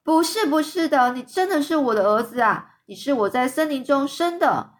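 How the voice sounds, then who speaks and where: A woman's voice: sits high, lively intonation, moderate pace. A woman voicing a pleading old beggar mother. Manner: pleading, tearful.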